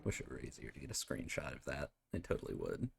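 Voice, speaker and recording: A man's voice: rumbling low, wildly swooping pitch, fast talker, gravelly, a little hiss or hum. A man giving casual, muttered running commentary while streaming a game.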